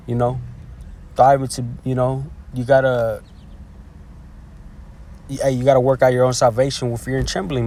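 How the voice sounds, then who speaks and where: A man giving a casual scripture teaching as a lay preacher. He peppers his talk with "man" and "hey", stumbles and restarts often, and reads verses slowly and haltingly. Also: mid-range voice, darkish tone, a little hiss or hum.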